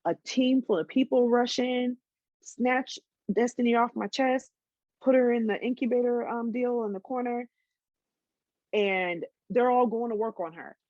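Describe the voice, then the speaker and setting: A woman's voice: fairly high pitch, steady tone, a little slow, a little mellow, dry recording, lo-fi sound. A woman in her twenties telling a personal story in a casual interview, candid, with many ums and restarts. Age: 20s.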